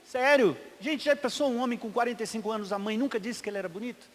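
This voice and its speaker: A middle-aged man, a pastor preaching a sermon in a church, swinging between loud emphatic calls and hushed asides. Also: very high voice, fast. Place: church hall. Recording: long hall reverb.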